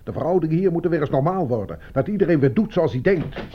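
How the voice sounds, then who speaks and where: An actor playing an anxious, pleading fellow prisoner in a radio drama. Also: male voice, a little high, animated, fast, husky. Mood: worried. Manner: pleading, worried. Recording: dull lo-fi radio play recording.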